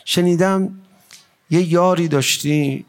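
Man in an impassioned mourning recital. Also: a little high. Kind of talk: emotional mourning recitation to a gathering.

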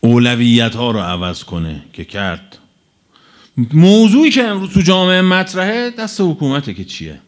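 Animated male preacher with sweeping emphasis. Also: a little high. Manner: animated, swinging between drawn-out emphasis and quick asides. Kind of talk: religious sermon to a live audience.

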